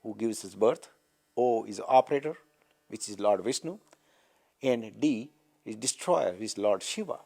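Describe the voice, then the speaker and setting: A man with an Indian English accent explains his views simply and earnestly. His voice is dark and mellow. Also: fairly low pitch, animated, normal speed, pauses often. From Baroda, Gujarat, India. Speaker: temple member. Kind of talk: documentary interview.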